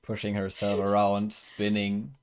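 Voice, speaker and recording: A man narrating as game master of a tabletop game, describing scenes slowly and searching for words with many fillers and restarts. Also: fairly low pitch, completely flat delivery, slight background noise.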